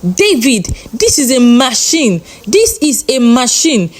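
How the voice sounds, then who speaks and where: A worried middle-aged mother from a spoken storybook pleads softly with her grown son, voiced by a woman narrator. Her voice is fairly high with a lively lilt. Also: slow, heavily acted. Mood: pleading. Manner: soft, pleading.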